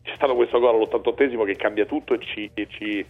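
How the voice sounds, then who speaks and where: Fast-talking low-voiced man on sports radio. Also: steady tone, vocal fry, narrow, tinny audio, faint music behind. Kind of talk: fast argumentative football discussion.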